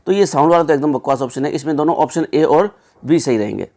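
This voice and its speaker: High-voiced male exam tutor. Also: a little mellow. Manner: conversational, repeats "ठीक है" and "दोस्तों"; reads English options slowly, then explains. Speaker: exam-prep teacher. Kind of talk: explaining exam answers.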